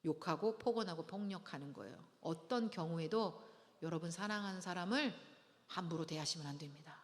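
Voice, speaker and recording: In a church hall, a middle-aged woman with a lowish, brisk voice lectures engaged couples preparing for marriage. She's lively and dramatic, acting out small scenes and getting the audience to repeat after her, and the recording carries a long hall reverb.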